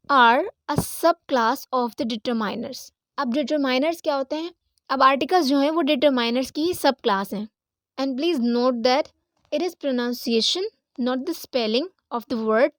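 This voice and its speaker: A woman teaching a grammar lesson in a high voice, reading her English examples slowly and deliberately. The sound is dry and close, with no room echo. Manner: slow, deliberate reading of English example lines, checks in with "theek hai?". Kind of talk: grammar lesson in Hindi-Urdu.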